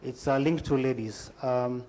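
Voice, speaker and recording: A man from Tanzania introducing himself on a conference panel in a relaxed, joking way. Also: medium pitch, measured pace, a little hiss or hum. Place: conference hall.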